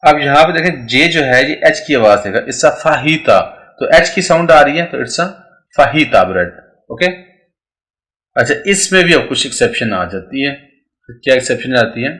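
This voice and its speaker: A man's voice: medium pitch, fairly bright tone. A man teaching English pronunciation rules step by step, often checking in with his listeners.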